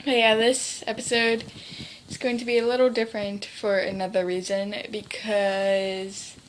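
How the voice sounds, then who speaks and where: Teen girl, unhurried speech, casual vlog storytelling, rambling and sidetracked, holding back tears. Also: mid-range voice, a bit bright. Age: teens. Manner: rambling, sidetracked, many fillers. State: near tears. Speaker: vlogger. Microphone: handheld device camera.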